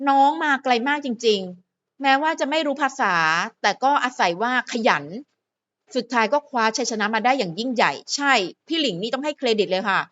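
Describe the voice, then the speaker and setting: Chatty woman vlogger with a higher voice. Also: expressive, brisk, a bit bright, muffled recording. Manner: chatty, playful, talks to herself and the viewers. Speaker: fan channel host. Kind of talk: casual solo vlog commentary.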